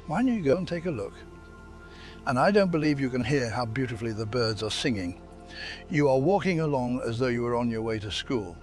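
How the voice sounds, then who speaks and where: A man voicing a sly, hungry male wolf in a read-aloud fairy tale, with a smooth, coaxing delivery. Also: mid-range voice, lively intonation, brisk, darkish tone, soft background music, lightly acted.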